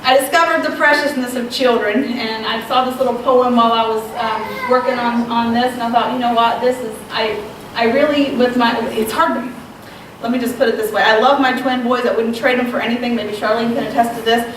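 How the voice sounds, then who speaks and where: At a women's retreat, a Southwest Virginia woman in her thirties speaks with a slight Southern accent, in a conversational, self-deprecating way, often saying um. Her fairly high voice keeps a steady tone and runs a little fast. The sound is very echoey, distant and noisy, captured in a large, echoing room.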